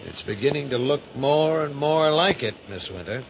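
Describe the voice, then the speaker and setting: An actor playing a probing police detective with a falsely casual, insinuating manner in a 1950s radio mystery. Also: male voice, medium pitch, expressive, normal speed, vocal fry, soft background music. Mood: probing suspicion. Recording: dull, noisy old radio recording.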